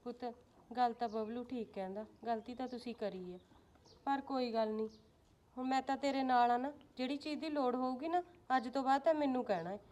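A woman's voice: a little high, brisk, a little mellow, natural voice. A woman playing a firm, motherly Punjabi mother-in-law. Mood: soothing. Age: middle-aged. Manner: scolding, then soothing and motherly. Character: middle-aged mother, firm yet kind. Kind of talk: Punjabi short-film acting.

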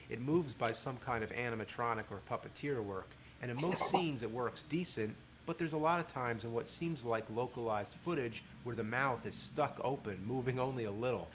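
A man's voice: medium pitch, slight background noise, rough recording. A man narrating a video essay in a conversational way, with wry asides. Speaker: commentator.

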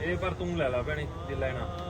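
A man's voice: on the high side, moderate pace, crowd noise. A man with a Punjabi accent chatting casually and teasingly with companions while shopping.

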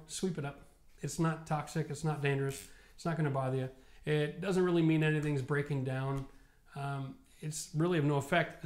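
A tired man in his forties from Canada, explaining basement renovation at a whiteboard in an emphatic, animated way. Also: on the high side. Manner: animated, emphatic, rising to passionate rants. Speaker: renovation expert host. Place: studio set with whiteboard, indoors. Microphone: lapel mic.

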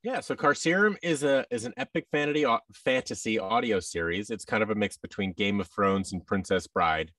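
A man in his thirties who makes audio dramas chats casually as a podcast guest over video call from an indoor room, animatedly acting out quoted exchanges. His lowish voice runs a little fast with hardly any pauses. His boom-arm microphone with headset records him from a distance, without echo.

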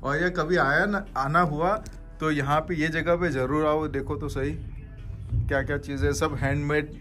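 A man from Gujarat, India, films a walking tour vlog and keeps excitedly telling viewers to look around. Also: on the high side, moderate pace. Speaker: travel vlogger. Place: underground cafe, then outdoors on city streets. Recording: music playing behind the voice.

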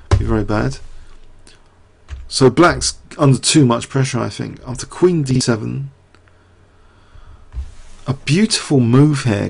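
A middle-aged man with a medium-pitched voice commentates live on a chess game, walking through the moves and quizzing his viewers as his voice grows croaky.

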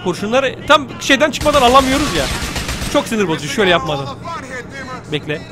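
A man hosting his gaming channel, giving excitable live commentary and swearing at enemies as he plays. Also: high-pitched, quick pace, music in the background. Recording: game sounds loud behind. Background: game sound effects and vehicles.

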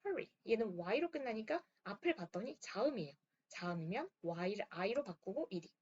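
In a lesson walkthrough with dull lo-fi sound and slight background noise, a woman teaches English grammar, going through exercises step by step and checking in with students. Her medium-pitched voice is expressive and a little mellow, at a normal speed.

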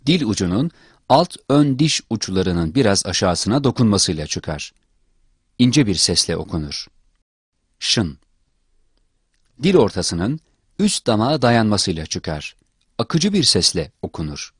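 A man teaching the articulation of letters in a slow, measured, scripted narration. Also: lowish voice, slightly rough, no room sound, studio quality. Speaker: Quran recitation teacher.

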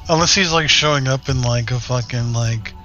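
Slow, laid-back male gamer. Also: mid-range voice, sharp tone, muffled recording. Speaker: streamer playing a game. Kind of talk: casual chat while gaming.

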